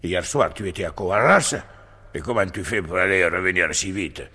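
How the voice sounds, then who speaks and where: A credulous medieval lord in a 1960s radio play, who stammers and hesitates as he speaks. His voice is lowish and husky, with lively swings in pitch. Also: normal speed, full character voice. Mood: curious. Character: credulous male medieval lord, eager and fumbling. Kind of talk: 1960s radio drama acting.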